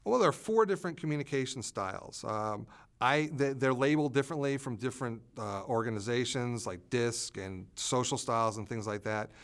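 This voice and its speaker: Speaking as an expert in an interview, a man with a smooth, mid-range voice explains communication styles, often pausing with "uh" fillers.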